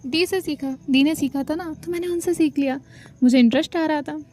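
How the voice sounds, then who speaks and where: Shy, earnest student girl voiced by a woman storyteller; high, mellow, a little hesitant. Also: a little fast, lightly acted. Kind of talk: storytelling dialogue.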